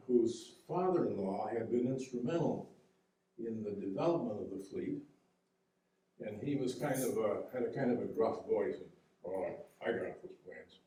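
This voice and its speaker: A man presenting a local history talk on boat building, explaining slides in a halting, conversational way with fillers and restarts. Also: mid-range voice, warm tone, distant mic. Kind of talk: public history lecture with slides. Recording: echoey room, heard from afar.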